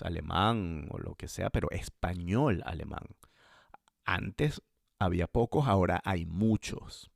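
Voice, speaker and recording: A man with a deep voice and a rough, creaky edge tells his story in a thoughtful, unhurried way. He explains things as he goes and fills the gaps with little hesitations. The sound is dry and close, with no room echo. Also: a little mellow. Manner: thoughtful, explaining, often pauses on fillers. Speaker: expat father sharing his experience. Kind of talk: casual conversational storytelling.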